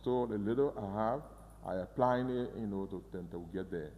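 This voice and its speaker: A museum guide with a low, mellow voice explains the museum earnestly in a guided tour interview, halting often and stumbling over words before restarting. A long reverb from the hall trails behind his speech.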